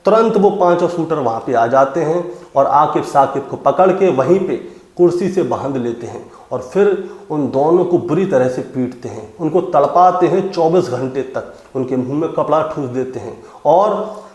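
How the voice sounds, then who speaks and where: A man's voice: a little high, lively intonation, normal speed, a little mellow. A man narrating a true crime story to his audience, calling them friends and retelling it step by step. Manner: addresses listeners as friends, dramatic retelling. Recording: roomy echo.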